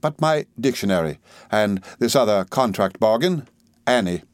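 A man voicing a kindly, cheerful elderly schoolmaster with a gentle, genial manner. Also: fairly low pitch, animated, normal speed, dry recording, studio quality, lightly acted.

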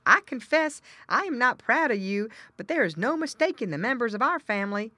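A coarse, boastful male pig bellows his words, high and pushy, as a woman reading a storybook puts him on. His voice swoops up and down with lively energy, close and dry. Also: fairly quick, dry recording, heavily acted. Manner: loud, hearty and insistent.

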